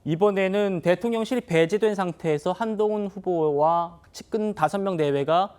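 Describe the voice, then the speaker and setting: A man's voice: high-pitched, normal speed, darkish tone, smooth. A man hosting a political talk show, introducing clips and asking a guest questions. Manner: brief introductions and prompts to guests. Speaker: show host.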